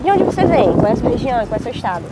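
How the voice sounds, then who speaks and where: A woman's voice: on the high side, very animated. A woman with a Northeastern Brazilian accent asking prepared interview questions as a student interviewer. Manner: brisk, reads prepared questions. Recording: loud outdoor noise with boat engines.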